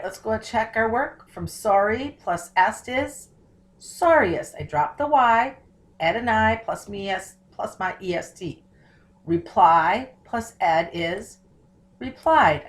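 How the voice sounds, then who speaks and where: A woman teacher walks through a recorded phonics tutorial. She stretches out words and letter patterns slowly so each sound is clear. She poses questions and answers them herself. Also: mid-range voice, animated. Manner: slows down and stretches words to model spelling and syllables.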